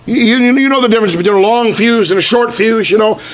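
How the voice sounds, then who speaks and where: A man preaching a sermon as pastor, repeating phrases and slowing down to stress key words. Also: sits high.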